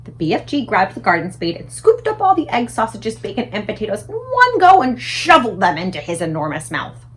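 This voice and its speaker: A woman reading a storybook aloud as narrator, in an expressive style suited to children. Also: medium pitch, fairly quick, hardly any pauses. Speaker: book reader.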